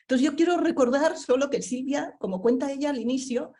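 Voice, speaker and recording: Her voice is high and mellow, and she speaks fairly quickly, a thoughtful book presenter and panelist from Barcelona, Spain. She gropes for words, leaning on fillers and tag questions.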